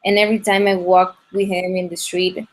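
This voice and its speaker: Young woman, halting English. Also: on the low side, little pitch movement. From Ecuador. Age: young adult. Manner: halting, many restarts and fillers. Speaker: guest singer. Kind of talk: casual interview over a video call.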